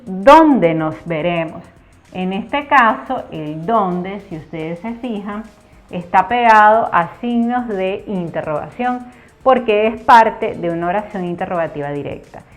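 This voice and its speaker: A woman teaching an online Spanish grammar lesson, explaining patiently and repeating key words slowly. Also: mid-range voice, a bit bright. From Nicaragua.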